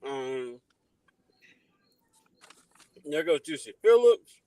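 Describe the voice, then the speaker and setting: Guy hosting a chill livestream, kinda high voice, dry close sound. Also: very animated, very slow, dark tone, dry recording. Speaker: livestream host. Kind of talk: casual livestream chat.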